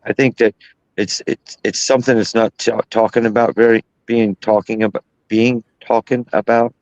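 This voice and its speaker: A man in his fifties, a guest on a panel chat, speaking earnestly and haltingly with many fillers. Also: fairly low pitch, flat delivery, darkish tone, no echo, dull audio. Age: 50s.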